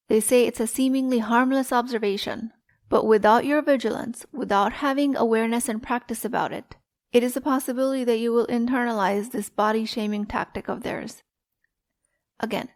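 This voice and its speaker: A woman life coach giving a calm, deliberate teaching talk on her solo podcast. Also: a little high.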